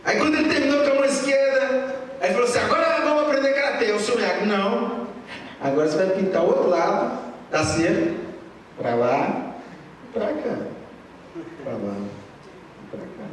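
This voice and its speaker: Brazilian pastor preaching, high voice, big echoey hall, kinda far off the mic. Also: male voice, expressive, moderate pace, pauses often, slight background noise. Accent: Brazilian Portuguese. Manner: retells film scenes with sound effects and acted voices. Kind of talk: animated sermon. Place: church hall at a youth congress.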